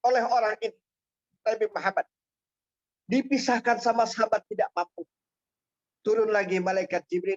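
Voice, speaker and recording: A man's voice: high voice, muffled recording. A male preacher giving a storytelling sermon, who repeats his phrases and draws out his emphasis, heard through a remote audio feed. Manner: repetitive, drawn-out emphasis.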